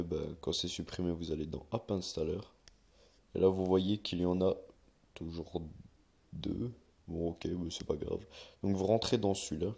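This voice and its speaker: Low-voiced young man rambling through a tutorial. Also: vocal fry, a little mellow. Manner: rambling, many fillers and self-corrections. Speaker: YouTuber giving a tutorial. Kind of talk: casual screen-recorded tutorial.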